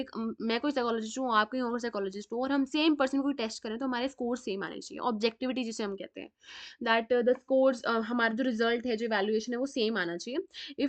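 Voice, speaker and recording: A woman with a North Indian accent giving a chatty psychology lecture, mixing Hindi and English and asking rhetorical questions. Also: on the high side. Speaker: psychology teacher. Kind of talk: classroom lecture. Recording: dull lo-fi sound.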